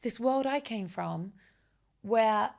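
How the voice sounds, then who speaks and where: A woman, a guest in a relaxed interview. Her voice has a gravelly, creaky edge. She speaks with animated, enthusiastic energy. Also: a little high, slow pace. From Essex, England. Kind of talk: casual conversational interview.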